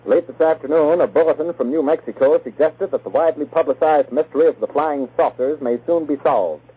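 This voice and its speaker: A man reads headlines in a formal 1940s announcer style. It comes from an old archival radio broadcast, scratchy and thin as a phone line. His voice sits a bit high and sounds husky. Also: fairly quick. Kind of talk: 1940s radio news reading.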